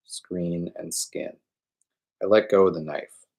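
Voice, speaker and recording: Deep husky man reading a novel. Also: fairly even intonation, takes it slowly, a little mellow. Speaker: reader on a livestream.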